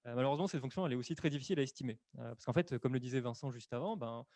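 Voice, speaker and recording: A man's voice: medium pitch, rapid-fire, a little mellow, no room sound. A man presenting an explanatory webinar on camera into a desk microphone, hesitant, with many fillers and self-corrections. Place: room at home or office, on camera.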